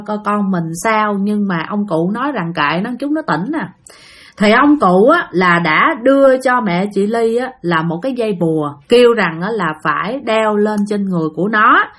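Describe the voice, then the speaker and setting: A woman's voice: mid-range voice, lively intonation, moderate pace, hardly any pauses, a bit bright. A woman with a Southern Vietnamese accent telling a ghost story in a chatty way, often turning to speak straight to her listeners. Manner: chatty, addresses listeners directly. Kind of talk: spoken ghost-story narration.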